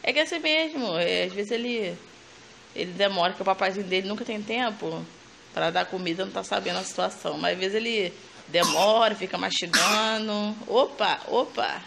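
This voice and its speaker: A woman's voice: medium pitch, moderate pace, vocal fry, noisy background. A Brazilian Portuguese-accented mother vlogging at home on a phone, chatting to viewers and cooing at her baby. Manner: chatty, keeps calling viewers "family", coos at her baby. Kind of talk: casual home vlog. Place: family home.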